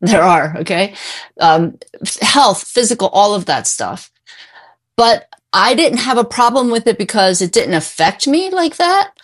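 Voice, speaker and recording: A middle-aged woman, a mental health therapist, appears as a guest in a conversational interview and gives emphatic, opinionated answers. She was born in Korea, immigrated at age five, and speaks English as her first language. Her medium-pitched voice is very animated and unhurried.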